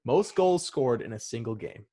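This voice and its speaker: A man's voice: medium pitch, animated, normal speed, mellow. Casual man hosting a trivia quiz. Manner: reads quiz questions and options, joking asides. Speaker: podcast host running a trivia quiz. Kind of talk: casual podcast chat.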